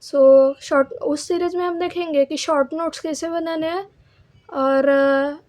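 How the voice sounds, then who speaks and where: A woman's voice: sits high, fairly even intonation, measured pace, a little mellow, dry recording. A young woman from Maharashtra gives exam revision advice. She explains each step and asks herself rhetorical questions along the way. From Maharashtra, India. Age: young adult. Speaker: student giving exam advice. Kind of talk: casual advice vlog.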